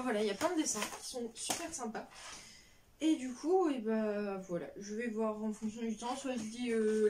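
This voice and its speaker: A woman's voice: on the high side, a little mellow, recorded from a distance, slight background noise. A young woman chatting casually about books on a vlog, rambling with lots of fillers and restarts. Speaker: book vlogger. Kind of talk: casual chat.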